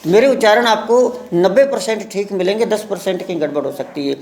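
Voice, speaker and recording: Gravelly high-voiced man teaching English. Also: darkish tone. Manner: reads English aloud very slowly, word by word, then explains in Hindi. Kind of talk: live class lesson explaining pronunciation.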